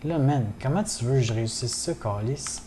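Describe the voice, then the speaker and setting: Dark-voiced Québécois gamer streamer. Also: male voice, mid-range voice, lively intonation, moderate pace, slight background noise. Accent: Québécois French. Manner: swears often, chatty, greets viewers in chat. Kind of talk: casual gaming livestream chat.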